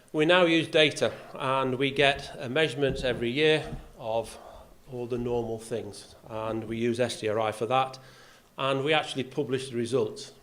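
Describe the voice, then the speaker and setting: A bit bright and mid-range, the voice is that of an older man from Yorkshire, England, with a faint accent. Giving a speech as the golf club's vice captain in the clubhouse function room, he uses dry, self-mocking humour and many "uh" fillers.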